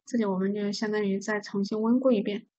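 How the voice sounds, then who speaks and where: A woman's voice: mid-range voice, steady tone, fast talker, dark tone, muffled recording. A woman teaching an English vocabulary lesson, patiently explaining stress and silent letters and repeating each word to drill pronunciation.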